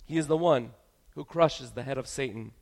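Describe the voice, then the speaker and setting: A man's voice: medium pitch, normal speed, gravelly. A man preaching a sermon in an earnest, dramatic manner. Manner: earnest, dramatic, building intensity.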